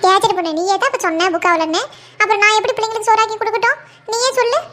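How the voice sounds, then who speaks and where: Casual: woman putting on a super squeaky, rapid-fire village mom, always fretting and lecturing her neighbor. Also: fairly even intonation, fairly bright tone, slight background noise. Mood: worried. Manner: pleading, moralizing, calls friend by nickname. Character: fretful village mother, adult woman neighbor. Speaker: cartoon voice actor. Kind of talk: comic cartoon dialogue.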